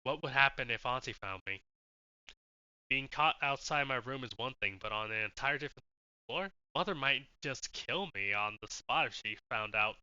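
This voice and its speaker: A man's voice: mid-range voice, animated, moderate pace, smooth, dry recording. A man streaming a game, reading its story text aloud in a casual, hesitant way with many fillers. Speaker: gaming streamer. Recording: muffled sound over loud game music.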